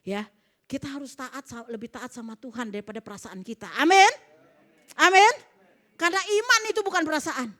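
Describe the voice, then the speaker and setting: A woman pastor delivers a lively sermon in a high voice. She preaches emphatically, calls the congregation to answer amen, and acts out both sides of conversations. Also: brisk. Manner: animated preaching, calls for amens, acts out dialogue. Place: church service.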